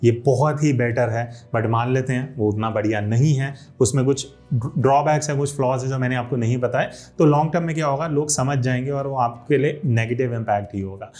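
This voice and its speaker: Male YouTube creator, 30s, friendly tutorial voice, mid pitch, punches key words, Hindi laced with English. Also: fairly quick, darkish tone, soft background music. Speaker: YouTube creator teaching video skills. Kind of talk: casual instructional talk to camera. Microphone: studio microphone.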